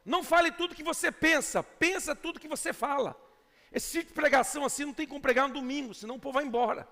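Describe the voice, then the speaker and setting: A man with a Brazilian Portuguese accent preaching a sermon as pastor, emphatic, swinging between shouts and quiet asides. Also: very high-pitched, quick pace. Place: church sanctuary. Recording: long church reverb.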